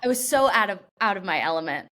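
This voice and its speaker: Fast and expressive, the young Washington state actress talks in a mid-range, slightly bright voice. It's a chatty, laughing interview, peppered with "like" and restarted sentences.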